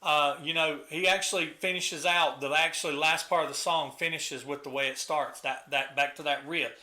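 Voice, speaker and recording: A man's voice: on the high side, fairly even intonation, moderate pace, sharp tone. A middle-aged man hosting a casual album review chat, talking enthusiastically and humming riffs and sounds to illustrate the music.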